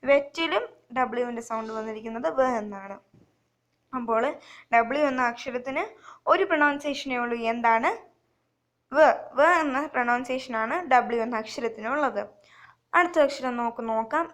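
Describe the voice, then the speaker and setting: Slow, patient woman teaching phonics. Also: fairly high pitch. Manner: slow, repetitive, asks and answers her own questions. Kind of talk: phonics lesson for children.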